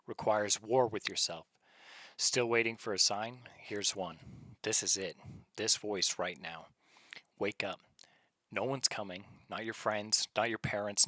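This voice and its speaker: Male motivational speaker, lowish and hard-edged, blunt commands in stern military style, dry close sound. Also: sharp tone, no room sound. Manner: blunt, commanding, short punchy phrases.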